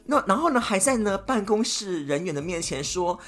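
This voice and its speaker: A woman hosting a podcast, giving dating advice as a dramatic, animated storyteller who acts out scenes. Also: medium pitch, normal speed.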